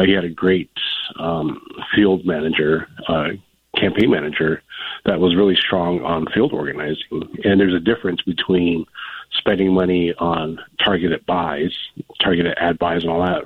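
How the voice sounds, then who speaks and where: An American man in casual unscripted discussion as a radio guest, halting and rambling as he repeats words. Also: deep voice, gravelly, slightly rough, no room sound. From South Dakota, United States. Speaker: political guest on a radio call-in show. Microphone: phone line. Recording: muffled phone-like line.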